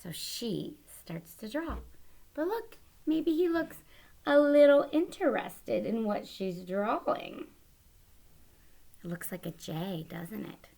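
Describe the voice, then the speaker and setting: Slow, lively woman reading to toddlers. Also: on the high side, gravelly. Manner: gentle, animated, drops to soft whispered asides. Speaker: children's librarian storytime host. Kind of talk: reading a picture book aloud to young children.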